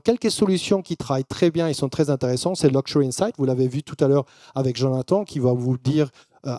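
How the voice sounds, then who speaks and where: Mellow foreign-accented man presenting in French. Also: fairly high pitch, no echo, studio quality. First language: not French. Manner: loose non-native phrasing, mixing in English business terms. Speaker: conference speaker. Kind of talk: business presentation to an audience.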